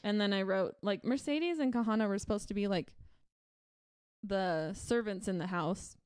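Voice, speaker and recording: A woman's voice: mid-range voice, moderate pace, darkish tone, clean tone, no echo, clean studio sound. A young woman co-hosting a casual chat, talking with lots of fillers and frequent laughter. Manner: chatty, laughs often, many "like" fillers. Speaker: podcast co-host. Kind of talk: casual chat reviewing a TV episode.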